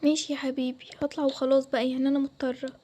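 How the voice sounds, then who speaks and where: A woman's voice: sits high, flat delivery, very fast, warm tone, a little hiss or hum, lightly acted. A woman voicing a young bride who is upset and complaining, in an Egyptian accent. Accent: Egyptian Arabic. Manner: complaining, pleading. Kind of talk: Toca Boca roleplay voiceover.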